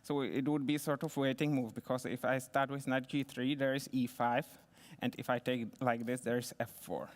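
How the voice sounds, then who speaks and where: A man speaking as a chess player and interview guest, explaining his game move by move in a halting, methodical way. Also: medium pitch, level tone. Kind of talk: post-game analysis. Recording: reverberant hall acoustics.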